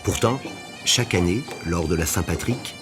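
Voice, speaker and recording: Male documentary narrator, very deep, measured, music bed underneath. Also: expressive.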